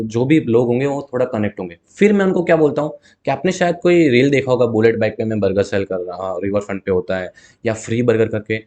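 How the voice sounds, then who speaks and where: Here a burger seller guesting on a casual interview shares a story in a mid-range voice with a darkish tone. Animated throughout, he acts out his customer conversations from both ends and slips in English words.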